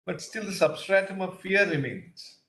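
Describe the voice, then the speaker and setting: A man's voice: high-pitched, moderate pace, a bit bright. A man with an Indian English accent questions counsel from the bench, hesitant and full of fillers. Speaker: judge on the bench. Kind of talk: courtroom questioning. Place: courtroom. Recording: echoey courtroom audio.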